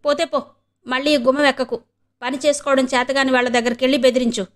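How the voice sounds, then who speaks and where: A proud young woman with a short temper, scolding in curt, clipped bursts, as a female narrator puts her on. The voice sits a little high, and it is heard in an audiobook reading. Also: little pitch movement, fast, close to an everyday voice. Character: sharp-tongued proud young woman of the house.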